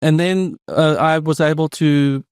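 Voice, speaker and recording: Speaking a little slowly with fairly even intonation, this man's smooth, higher voice comes through clean studio sound with no room tone. He's a tech founder in his fifties from South Africa, Afrikaans-speaking by birth with a South African accent, guesting on a podcast and telling stories in a reflective, wandering way, with many asides.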